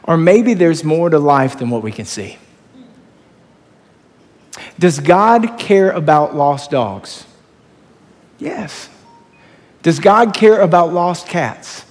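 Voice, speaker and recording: A man preaching a sermon as pastor, telling stories in a conversational, animated way to his congregation. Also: a little high, takes it slowly. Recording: long hall reverb.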